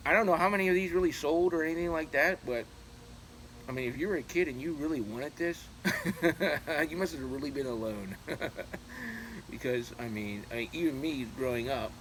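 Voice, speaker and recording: Man in his forties, medium pitch, casual vlog chat, halting and repetitive, clear background noise. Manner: halting, loosely anecdotal, repeats himself. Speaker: YouTube channel host. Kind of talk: casual rambling chat to viewers. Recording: clearly noisy, steady background ambience.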